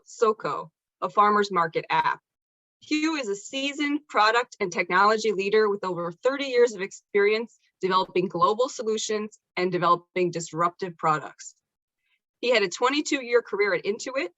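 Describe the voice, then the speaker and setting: A woman's voice: mid-range voice, pushed and bright, no room sound. A woman hosting an online event, reading an upbeat introduction of the guest speaker over a video call. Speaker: event host. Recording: dry, dull lo-fi sound.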